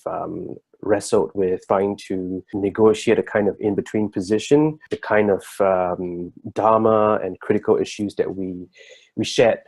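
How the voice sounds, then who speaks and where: Man, 30s, lowish voice, mellow tone, thoughtful personal talk. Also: level tone, a little slow, vocal fry. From Singapore. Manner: earnest, thoughtful, searching for words. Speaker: workshop co-presenter.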